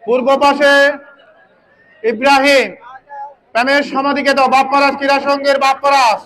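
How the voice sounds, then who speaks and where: A man's voice: very high voice, little pitch movement, normal speed, a bit bright, poor audio. A man with a Bangladeshi accent giving live commentary and announcements at a local football match, often repeating his phrases. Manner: repeats phrases as he calls play. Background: crowd at a local football match.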